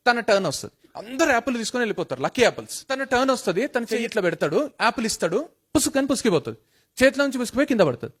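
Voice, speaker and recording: Fast, animated man with a Telangana accent. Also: high voice. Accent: Telangana Telugu. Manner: animated, emphatic, repeats phrases for effect. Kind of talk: storytelling motivational talk.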